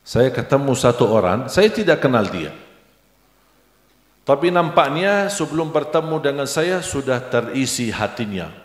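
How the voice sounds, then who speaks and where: A middle-aged man preaching a sermon with storytelling, animated and acting out the dialogue in his stories. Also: mid-range voice, a little slow. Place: large hall at an Islamic boarding school. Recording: echoey hall with long reverb.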